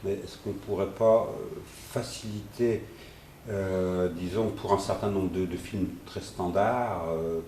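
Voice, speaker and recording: Deep-voiced male interviewer in an echoey room. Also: fairly even intonation, darkish tone. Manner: searching, halting questions. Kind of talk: interview question. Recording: echoey room with faint noise.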